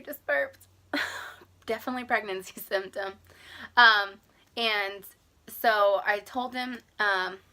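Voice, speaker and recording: A woman's voice: mid-range voice, pushed and bright. A young woman chatting casually in a vlog, rambling with lots of "like". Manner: chatty, rambling, filler-heavy with many "like"s. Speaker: vlogger. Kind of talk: casual pregnancy update vlog.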